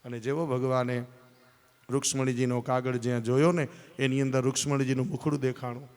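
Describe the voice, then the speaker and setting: A man's voice: mid-range voice, flat delivery, fairly quick, darkish tone, clear, resonant tone. A man telling a devotional story to a live audience, addressing listeners directly and slipping into character voices. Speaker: scripture storyteller. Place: large hall at a live religious event. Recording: long hall reverb.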